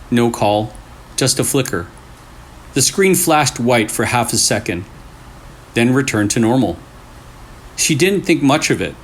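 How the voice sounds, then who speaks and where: Here a man with a medium pitch and a breathy edge hosts a storytelling segment of scary tales. He reads in brief, suspenseful bursts and chats casually in between stories.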